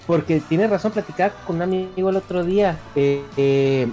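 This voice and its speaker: A man's voice: sits high, normal speed, dark tone, muffled recording, faint music behind. Hesitant northern Mexican man explaining. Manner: hesitant, many fillers, explanatory. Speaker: co-host. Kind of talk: casual chat.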